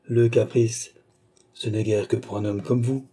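A man voicing a sharp-witted countess in an audiobook, ironic and needling. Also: lowish voice, fairly even intonation, unhurried, husky. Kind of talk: audiobook character voice.

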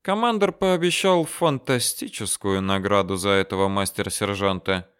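A man voicing a calm, menacing male desert soldier officer who talks softly and mockingly. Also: lowish voice, normal speed, clean tone, close to an everyday voice. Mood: coolly mocking. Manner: soft, coolly mocking.

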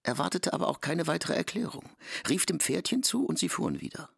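A man with a gravelly, husky voice reading literary narration for a radio play. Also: on the high side, big pitch swings, fairly quick, fairly bright tone, no echo, clean studio sound.

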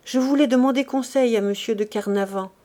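A woman voicing a manipulative middle-aged wife who speaks in a soft, plaintive tone. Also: on the high side, a little fast, natural voice. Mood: feigned despair. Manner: feigned despair, soft and plaintive.

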